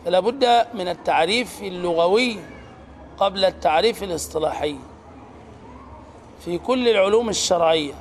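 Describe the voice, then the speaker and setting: High-voiced sheikh teaching tajweed. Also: male voice, a little hiss or hum. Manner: explains slowly, stretches out words and demonstrates sounds. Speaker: Quran recitation teacher. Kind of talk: tajweed lesson.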